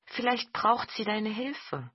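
A woman voicing a kind, caring young wife who gives gentle advice. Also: on the high side, lively intonation, takes it slowly, slightly rough, no echo, highs cut off, voice pushed up, full character voice.

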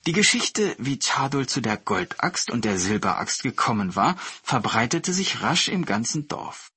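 A man narrates a folk tale slowly and calmly, in the manner of a storybook reading. His voice is bright yet quite husky, recorded dry and close. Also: mid-range voice, dry recording.

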